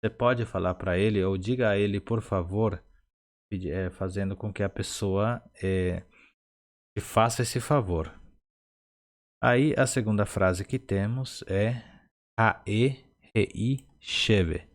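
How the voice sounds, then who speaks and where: A man teaching short phrases, speaking Portuguese with Spanish as his first language, patient and explanatory, repeating each phrase slowly syllable by syllable. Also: on the low side, fairly even intonation. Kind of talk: slow instructional explanation.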